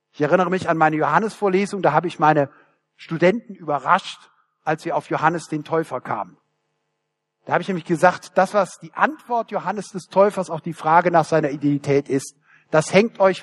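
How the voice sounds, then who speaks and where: An older man preaching a sermon, emphatic, with ironic asides and slowed words for stress. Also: sits high. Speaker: preacher and theology lecturer.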